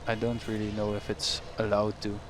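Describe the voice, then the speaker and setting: A young Dutch gaming YouTuber with a lowish voice chats through his farming game at a moderate pace, wandering off track, correcting himself mid-sentence, and chuckling often. His casual gameplay commentary rides over clear engine rumble, farm machinery, and ambient game sounds.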